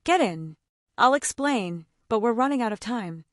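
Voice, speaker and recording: A woman voicing a calm, loyal male family chauffeur who speaks quietly and urgently in a story reading. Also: a little high, moderate pace, dry recording, studio quality, natural voice.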